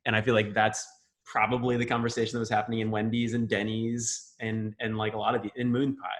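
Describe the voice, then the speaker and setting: A man chiming in on a casual discussion, quick and hedging with lots of "like". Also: fairly low pitch, little pitch movement. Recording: dull dry lo-fi mic.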